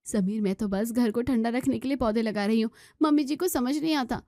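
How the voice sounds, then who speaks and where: A woman's voice: a little high, a little fast, warm tone, no room sound, studio quality, lightly acted. A woman voicing a stubborn young daughter-in-law who answers back defensively and pleads.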